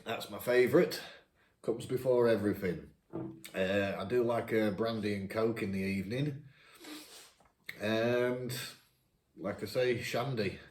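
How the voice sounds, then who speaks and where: A man's voice: on the low side, a little slow, long pauses, roomy sound. Chatty northern English man in his fifties. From England. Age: 50s. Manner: chatty, reads each question out brighter and louder. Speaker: vlogger. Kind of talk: casual Q&A chat.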